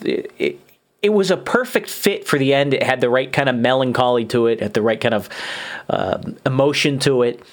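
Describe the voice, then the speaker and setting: A man hosting a podcast in casual chat, rambling and swearing freely. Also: mid-range voice. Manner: profane, rambling, animated. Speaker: podcast host.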